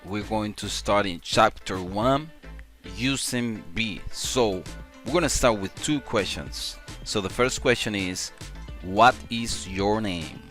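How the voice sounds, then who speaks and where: A male English teacher walks beginners through simple grammar, speaking slowly and repeating each example sentence. His voice is bright and a little low. Faint music sits under the lesson. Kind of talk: slow classroom-style grammar lesson.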